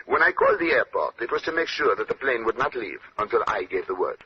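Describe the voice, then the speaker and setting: An actor playing a brilliant, self-assured Belgian detective with a French-speaking accent, speaking precisely and courteously in old-time radio drama style. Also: male voice, on the low side, sing-song, quick pace, slightly rough, exaggerated voice. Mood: confident, explanatory. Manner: precise, lecturing, punctuates points with questioning "eh?". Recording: dull, noisy old radio recording.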